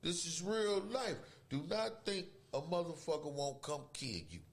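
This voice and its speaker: A man's voice: fairly high pitch, animated, a little slow. A middle-aged man chatting casually and telling stories in slangy, profane street talk. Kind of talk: casual chat, storytelling. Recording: background noise.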